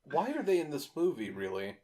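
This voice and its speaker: A man's voice: a little high, very animated, a little fast, dark tone. A man co-hosting a casual movie review podcast, with dry, sarcastic remarks and casual swearing. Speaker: podcast co-host.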